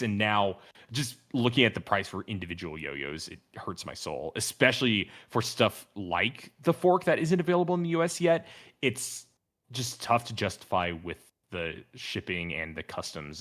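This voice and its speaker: A man's voice: deep voice, a bit bright. A man hosting a casual review discussion, talking in an earnest, enthusiastic, wordy and analytical way. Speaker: podcast host.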